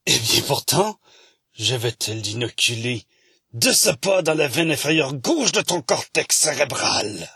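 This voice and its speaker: A man's voice: medium pitch, big pitch swings, a little slow, bright, forceful tone, husky, no echo, studio quality, exaggerated voice. A man voicing a gleeful mad scientist who savours his threats with relishing menace. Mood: gloating.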